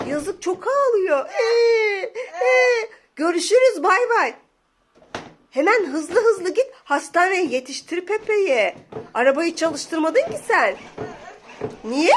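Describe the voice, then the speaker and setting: A young woman, a mother, talking playfully to viewers and her toddler in an animated, coaxing, exclamatory way. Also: very high-pitched, a little hiss or hum. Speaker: mother playing with her child on camera.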